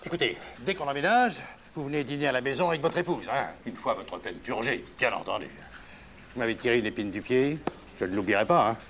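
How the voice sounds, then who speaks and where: A man's voice: mid-range voice, quick pace, fairly bright tone, slight background noise. A man acting in a comedy sketch, smarmy and overly polite. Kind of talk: sitcom acting.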